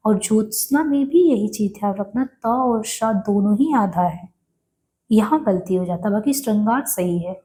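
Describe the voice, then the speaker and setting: A woman with a warm, mellow voice teaches spelling for exam preparation. She reads out each word several times and poses questions that she then answers herself, in a steady mid-range pitch. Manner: repeats each word slowly, asks and answers own questions. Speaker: Hindi teacher. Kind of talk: exam-prep spelling lesson.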